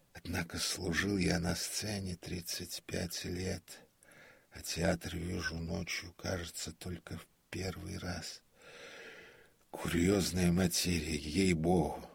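A man's voice: deep voice, creaky, husky, dry recording, voice pushed up, exaggerated voice. A man voicing a frightened, self-pitying aging male stage comic in his fifties, who grumbles, mutters and cries out in fear. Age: 50s. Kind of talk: audiobook character voice.

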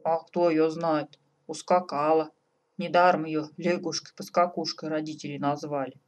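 Woman doing a slow folksy bull elk. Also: sits low, level tone, a little mellow, lightly acted. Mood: drawling. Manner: drawling, folksy. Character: slow folksy male elk, know-it-all.

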